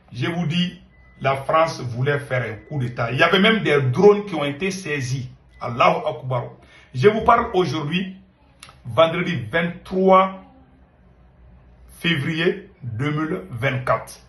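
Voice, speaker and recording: A man's voice: fairly high pitch, a bit bright, roomy sound. A man hosting an online political news channel, talking to viewers in an emphatic, urgent way and repeating himself. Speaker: political commentator and channel host. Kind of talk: excited online news commentary.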